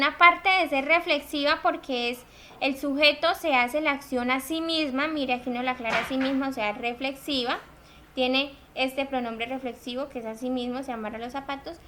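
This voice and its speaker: A woman teaching a grammar class in a high, bright voice. She explains patiently with everyday examples and keeps checking that her students follow. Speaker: Spanish teacher.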